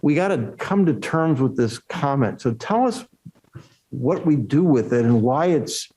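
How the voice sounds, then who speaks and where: A man with a medium-pitched voice questions as a judge on the bench. He is insistent and informal, reasoning aloud in colloquial, broken-up phrases. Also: very animated, measured pace, dark tone, rough recording. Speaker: appellate judge.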